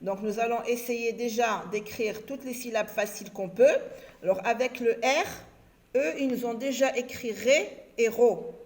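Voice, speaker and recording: Speaking in a voice that's a little high and a little mellow, a primary school teacher leads a recorded lesson for young kids. She spells letters and syllables slowly and says things more than once.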